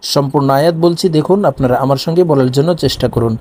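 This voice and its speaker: A man's voice: medium pitch, very fast, a little mellow, no room sound. A man teaching Quran recitation in a video lesson. He speaks straight to the viewers and patiently breaks words down sound by sound. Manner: addresses viewers directly.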